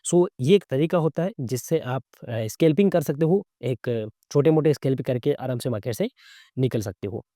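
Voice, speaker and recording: A male trading instructor, his throat slightly sore, offers casual live commentary on reading charts, often tagging on brief questions to confirm people are following. His voice is soft, mellow and mid-range, his pace moderate, and the close, dry recording has no echo.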